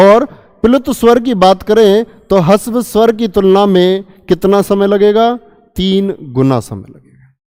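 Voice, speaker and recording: Quizzing students again and again, this Hindi grammar teacher elongates sounds to demonstrate them during an online exam-prep lesson. His high-pitched voice is clear and resonant, a little mellow, and echoes as if in a big room.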